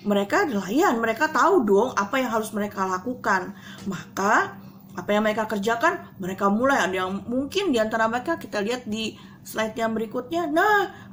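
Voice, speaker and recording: A woman speaking at a school chapel, telling children a Bible story in an animated way and talking straight to them. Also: a little high, a little hiss or hum. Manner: swings between soft hushed asides and loud excited bursts.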